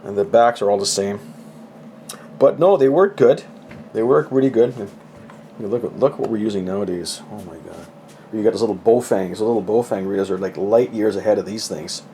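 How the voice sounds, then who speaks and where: With a fairly low, warm voice and a brisk pace, a middle-aged hobbyist presenter shows off his gadgets in a folksy, rambling, casual manner. He tends to be self-deprecating, and there's a slight hiss or hum.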